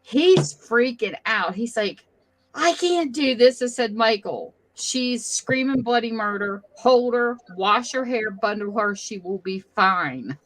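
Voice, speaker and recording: A middle-aged woman hosting a casual chat, telling animated family stories. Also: medium pitch, takes it slowly, few pauses, a little hiss or hum, low-quality recording. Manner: chatty, animated storytelling. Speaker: host.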